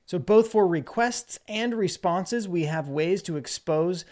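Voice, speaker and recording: A man giving a relaxed screen-recorded coding walkthrough, narrating as he types. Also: sits high, unhurried. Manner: relaxed explanatory, narrates while typing. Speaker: developer presenter.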